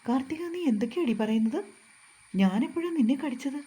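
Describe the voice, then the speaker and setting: A woman's voice: on the high side, expressive, a little fast, mellow, breathy edge. A woman voicing a bold, teasing young husband in a storybook reading, mock-stern and playful in tone. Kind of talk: storybook narration.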